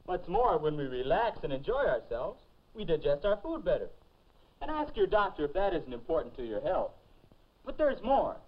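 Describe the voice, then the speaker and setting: A friendly grown-up self coaching a teen, lively tone, kinda high, dull old film sound. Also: male voice, moderate pace. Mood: earnest, coaxing. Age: young adult. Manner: patient, explaining, encouraging. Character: grown-up future self of a teenage boy, friendly adviser. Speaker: narrator of an etiquette film. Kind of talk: 1950s educational film narration.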